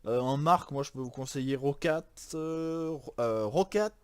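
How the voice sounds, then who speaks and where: A man's voice: on the high side, moderate pace, clear, resonant tone, no echo. A man from France casually walking through a PC build, rambling with many fillers and self-corrections. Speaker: YouTuber presenting a PC build. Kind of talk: casual chat.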